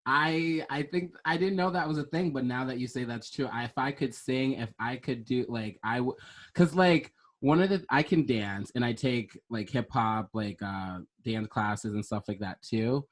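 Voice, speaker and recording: A man hosting a relaxed podcast chat at a middle pitch. He rambles, stacks fillers and laughs easily between thoughts. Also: moderate pace. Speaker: podcast host. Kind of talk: casual chat.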